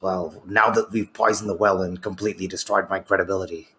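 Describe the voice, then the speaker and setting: A man calling in to an online debate, talking in a deliberately lowered, unnaturally deep put-on voice that sounds husky. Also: steady tone, pushed and bright. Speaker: caller debating the host.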